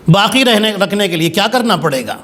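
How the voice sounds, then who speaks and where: A man's voice: high-pitched, lively intonation, fairly bright tone. A man preacher voicing a vain male peacock who frets about losing his beauty. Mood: worried.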